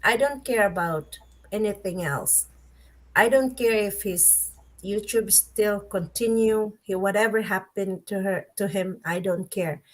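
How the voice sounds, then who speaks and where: A woman hosting a casual livestream chat, candid and quick to laugh and scoff. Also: medium pitch. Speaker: host.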